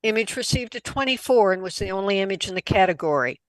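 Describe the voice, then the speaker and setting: A woman moderating a camera club competition, calling judges and announcing scores in a brisk, businesslike way. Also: medium pitch, animated, dry recording, rough recording.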